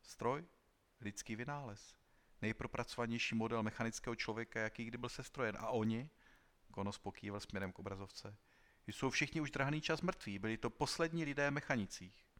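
A man voicing an aged mechanical man, a great engineer who speaks calmly and with fatherly sorrow, in a dramatized audiobook reading. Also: mid-range voice, close to an everyday voice. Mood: sorrowful. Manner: calm, fatherly, heavy-hearted.

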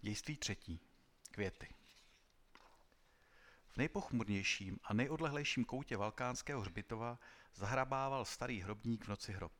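A man narrates a story aloud in a calm, measured manner. His voice sits on the low side and keeps a steady, even telling.

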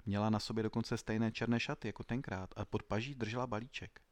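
A man narrating a story in an even, clear storytelling manner. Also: on the low side, no room sound. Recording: dry close studio sound.

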